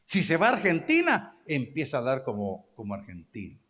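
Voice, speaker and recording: A man's voice: medium pitch, wildly swooping pitch, brisk, a bit bright, in a large hall. A man with a Guatemalan accent preaching a sermon as pastor, exhorting his congregation and calling for amens and agreement.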